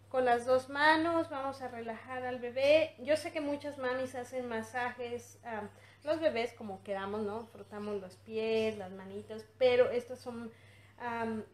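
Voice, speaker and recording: A woman teaching baby massage step by step, speaking gently with frequent fillers and restarts. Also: a little high. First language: English-teaching background, usually teaches in English. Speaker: infant massage instructor. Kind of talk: demonstration tutorial. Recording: echoey room.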